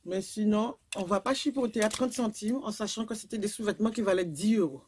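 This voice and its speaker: A woman's voice: medium pitch, a little fast, a little mellow, slight background noise. A woman, casually chatting through a clothing haul video and rambling with lots of fillers. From Guadeloupe. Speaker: vlogger.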